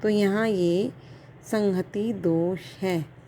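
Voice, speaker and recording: A woman's voice: medium pitch, fairly even intonation, extremely slow, warm tone, slight background noise. A woman philosophy lecturer giving a recorded college lecture, explaining step by step with examples and checking in with her students.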